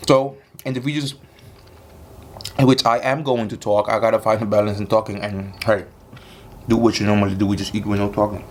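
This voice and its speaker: A man's voice: fairly low pitch, steady tone, fairly quick, slight background noise. Man eating crunchy fried chicken, chatting casually. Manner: eating crunchy fried chicken while talking, with satisfied hums; slangy, repeats phrases. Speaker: mukbang video host. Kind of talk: casual mukbang chat to viewers.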